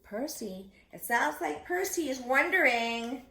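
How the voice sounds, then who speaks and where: An echoey room carries the bright voice of a woman reading in fairy tale opening style. She narrates expressively for young children and steps out of the story for little asides. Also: high-pitched, expressive, a little slow. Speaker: storyteller, children's read-aloud host.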